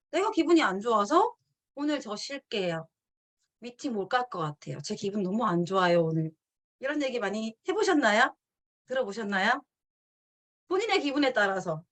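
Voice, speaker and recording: A woman's voice: high-pitched, fairly bright tone. A middle-aged woman giving a motivational talk, telling a personal story and acting out quoted lines as she leads a group through a book. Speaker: speaker leading a book study.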